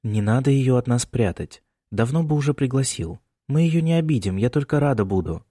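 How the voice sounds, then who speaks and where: A man's voice: mid-range voice, lively intonation, brisk, mellow, breathy edge, no room sound, clean studio sound, pitched above the performer's own voice. A male narrator voicing a worried middle-aged mother who keeps fussing over her son in an audiobook. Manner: anxious, insistent and fussing.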